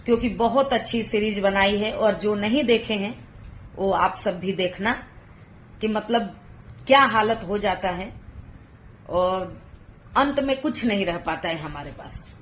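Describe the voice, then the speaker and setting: A woman's voice: medium pitch, measured pace, pauses often, slight background noise. A woman in her thirties, a mother vlogging from home, talking earnestly and emotionally as she pleads with other parents. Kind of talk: heartfelt personal vlog advice. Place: home, Gujarat.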